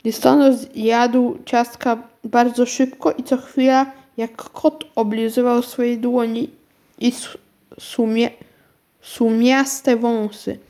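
A woman reading a children's story aloud in calm, gentle narration. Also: a little high, slow pace.

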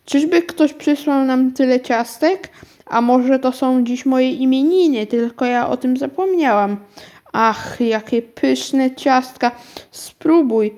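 A dreamy, scatterbrained elderly aunt from a children's storybook, put on by a woman reading the story. She talks slowly and coaxingly, drifting off into daydreams. The voice sits somewhat higher than the plain narration. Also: darkish tone. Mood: dreamy, hospitable.

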